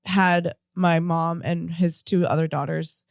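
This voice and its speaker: A Japanese-raised woman in her thirties, a comedian guest on an in-studio podcast, tells rambling stories that keep interrupting themselves, laughing often as the casual chat goes on. Her voice sits fairly low, level and creaky, and she takes her time. The sound is studio quality with no room echo.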